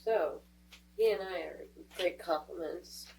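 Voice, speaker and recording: She speaks slowly, on the low side, with a creaky and slightly mellow quality. As a tarot reader doing a casual session with a stuffy cold, she's talkative and muses aloud throughout. A faint hum runs underneath, and her voice is somewhat distant from the mic.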